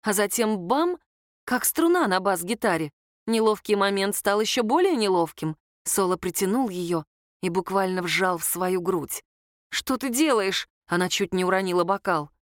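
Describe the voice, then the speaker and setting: A woman reading a novel aloud as an audiobook, with expressive storytelling. The voice sits at a middle pitch and is recorded dry, close and clean. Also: normal speed, dry recording. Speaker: audiobook narrator. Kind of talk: audiobook narration.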